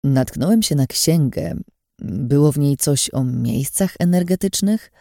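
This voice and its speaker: A quiet, concerned young man, as a woman reads him in an audiobook, kept in her own low-key register. The tone is mellow and dark, recorded dry and close with nothing around it. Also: lively intonation, unhurried, creaky, no echo, full character voice. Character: young man, worried loyal friend, quiet.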